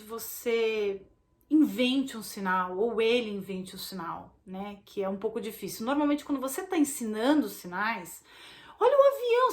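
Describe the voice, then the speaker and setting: A chatty Brazilian woman with a high voice walks her students through a casual recorded lesson. She keeps checking in with quick tag questions as she explains. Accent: Brazilian Portuguese. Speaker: baby sign language course instructor.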